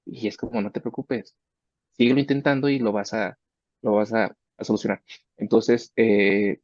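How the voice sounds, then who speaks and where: A man's voice: mid-range voice, a little mellow, dry recording. Man talking about mentoring students. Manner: conversational, acts out student dialogues. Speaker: research professor. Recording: dull, dry sound.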